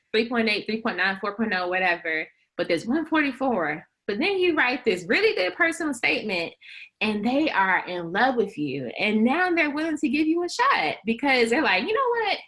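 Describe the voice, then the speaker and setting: A young woman coaching law school applicants in a webinar, talking in a chatty, animated way with lots of "like" and laughs between phrases. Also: medium pitch. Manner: chatty, animated, heavy use of "like". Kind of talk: webinar presentation.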